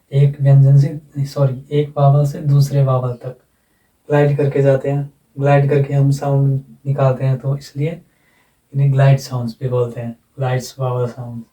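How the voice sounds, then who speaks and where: A man giving a phonetics lesson, slowly repeating sounds and words while he explains. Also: medium pitch, warm tone, distant mic, rough recording. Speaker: teacher.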